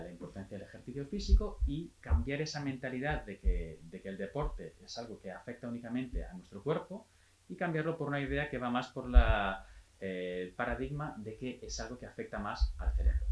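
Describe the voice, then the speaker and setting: A man working as a physiotherapist, giving a calm, explanatory health talk and restarting phrases now and then. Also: medium pitch, echoey room, low-quality recording.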